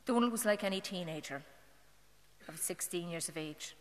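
A middle-aged Irish woman giving a personal testimony as a mother at a parish novena, earnest and halting, with fillers and restarts. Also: on the low side. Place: church. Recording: long church hall reverb.

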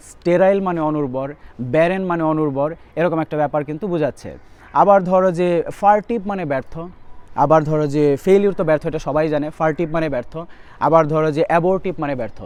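A young man teaching vocabulary for admission tests, repeating word lists quickly as a tutor. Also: sits high, a little mellow, clean tone. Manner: rapid, repetitive drilling of word lists. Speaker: English tutor. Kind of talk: admission test vocabulary lesson.

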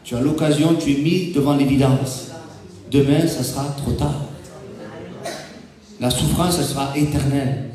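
A man preaching a sermon as pastor, emphatic, swinging between loud calls and hushed asides. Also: mid-range voice, steady tone, moderate pace, pauses often, a crowd in the background. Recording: very echoey, from far off the mic.

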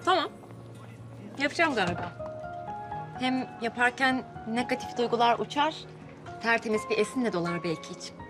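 A woman's voice: a little high, expressive, normal speed, pauses often, over music, natural voice. An actress playing an earnest, upbeat young woman who paints, in a sitcom. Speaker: amateur painter.

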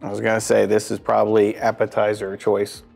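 Male host, 40s; gravelly, upbeat and joking, lapel mic in a restaurant. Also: fairly low pitch, monotone, brisk, darkish tone, faint music behind. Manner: upbeat, joking, eats while talking. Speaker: show host. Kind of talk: casual interview. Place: brick-walled restaurant booth, indoors.

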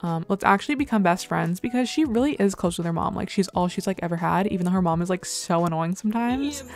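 A young adult woman hosting casual game commentary, chatty and excitable, filling nearly every phrase with "like". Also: lowish voice, quick pace, soft background music. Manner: chatty, says "like" constantly, excitable exclamations. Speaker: gameplay host.

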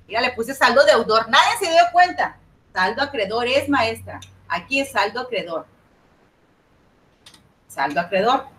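Teaching accounting online, this woman speaks in a high, bright voice with a forceful edge. She keeps stopping to ask her students check-in questions and goes back over the main points.

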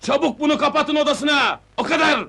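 An actor playing a hot-tempered gangster boss in a comedy film, gruff and threatening. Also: male voice, very high voice, brisk, bright, forceful tone, a little hiss or hum, heavily acted. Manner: gruff, threatening, barks orders. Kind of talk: 1970s comedy film acting.

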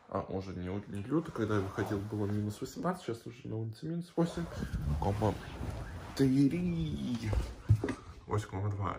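Young guy just chatting to his vlog, slangy n rambly, kinda low voice, slightly noisy audio. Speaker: vlogger. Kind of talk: casual video diary chat. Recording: faint background noise with clicks.

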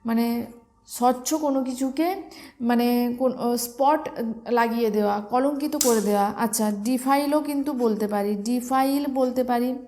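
A woman's voice: a little high, normal speed, a little mellow. A woman with a Bengali accent teaching English vocabulary for exams, explaining each word step by step and spelling it out letter by letter. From West Bengal, India. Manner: explains step by step, spells words letter by letter, asks and answers own questions. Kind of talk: exam-prep vocabulary lesson.

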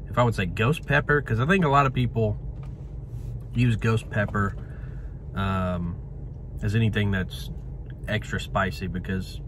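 A man's voice: on the low side, a bit bright. A man in his thirties giving a casual food review to camera from inside a car. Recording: in a car with clear vehicle noise.

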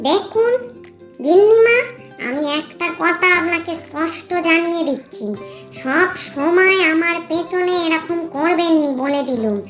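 A woman voicing a sharp-tongued, fed-up female ghost servant in a cartoon story, grumbling and scolding in rustic speech. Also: high-pitched, lively intonation, a little slow, soft background music. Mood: defiant.

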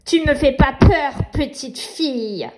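A woman's voice: sits high, animated, slow pace, darkish tone. Woman acting sneering storybook nightmare monster. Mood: sneering, menacing. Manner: sneering, taunting villain delivery. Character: huge sneering nightmare monster, menacing bedtime bully. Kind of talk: children's storybook read aloud.

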